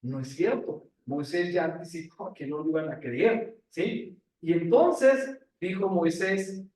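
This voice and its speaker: A man's voice: on the high side, slow, a little mellow, far from the mic. A male pastor preaching a sermon who tells the story, asks the congregation questions and checks in with them often. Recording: very echoey room, voice from afar.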